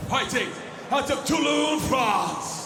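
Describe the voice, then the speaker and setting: A man working as a fight ring announcer, projecting formal introductions with long drawn-out names. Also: extremely high pitch, expressive, raised voice. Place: large indoor fight arena. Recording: echoey noisy arena PA sound.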